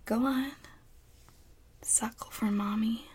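A woman in a whispered role-play, playing a doting, teasing partner who soothes and coos to another adult in an intimate, breathy, husky voice. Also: a little high, steady tone, slow, darkish tone.

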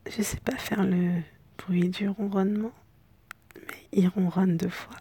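A woman with a hoarse, cracking voice telling bedtime stories in a soft, unhurried ASMR whisper. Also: mid-range voice, little pitch movement. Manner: soft, unhurried, gentle pauses. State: voice broken. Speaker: storyteller.

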